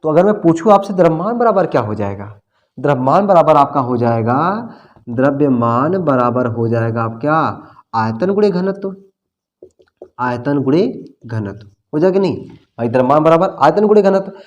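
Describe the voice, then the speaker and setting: A man with a somewhat high voice teaches a physics lesson. He is friendly and colloquial with his students, and he keeps asking questions and answering them himself. He repeats each key term as he writes it down. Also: animated, normal speed, highs cut off. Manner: friendly and colloquial, calls students "bhai" and "babu". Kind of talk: classroom-style lecture at a board.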